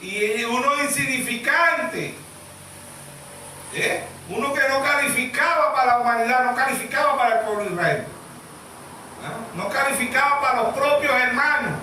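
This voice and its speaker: High-voiced pastor preaching. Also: male voice, normal speed, bright, forceful tone, slight background noise. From Venezuela. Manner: emphatic preaching with call-and-response questions. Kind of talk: sermon. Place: church hall. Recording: echoey church sound from far off.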